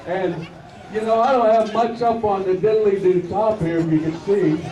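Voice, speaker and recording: Boisterous old puppet comedian played by a man, high-pitched folksy joker, live in an echoey room. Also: moderate pace, dark tone, lo-fi sound, close to an everyday voice. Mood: rowdy, playful. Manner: folksy, wisecracking, silly exclamations. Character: bald, armless old football-fan puppet named Pappy, boisterous joker. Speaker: puppet stand-up entertainer. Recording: echoey noisy crowd hall, distant microphone.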